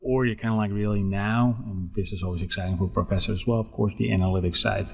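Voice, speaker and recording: A man's voice: on the low side, steady tone, quick pace, vocal fry, slightly rough. A man in his forties from the Netherlands with a Dutch accent, speaking as a guest in an interview with enthusiastic, chatty energy. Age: 40s. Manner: enthusiastic, chatty, tags statements with "right?". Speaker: guest, sports management professor. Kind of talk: podcast interview.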